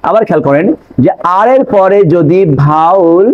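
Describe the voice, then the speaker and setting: Man, online pronunciation lesson, step-by-step explaining, slightly high pitch. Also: dull audio. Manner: explains step by step, repeats examples slowly. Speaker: English pronunciation teacher.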